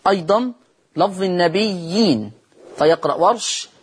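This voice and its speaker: A man with an Egyptian accent teaching Quran recitation on television, moving between quick explanation and slow, drawn-out chanted verses. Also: high voice, husky. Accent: Egyptian Arabic. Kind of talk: televised tajweed lesson.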